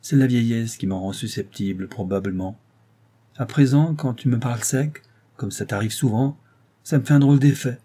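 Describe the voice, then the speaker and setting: A man voicing an aging, loyal female servant with a cracked, tired voice, speaking slowly with halting pauses. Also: mid-range voice, warm tone, close to an everyday voice. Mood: weary scolding.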